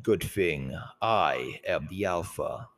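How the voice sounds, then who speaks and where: A man's voice: low-pitched, animated, takes it slowly, voice pushed down. A man voicing a protective male creature leader in a firm, commanding way.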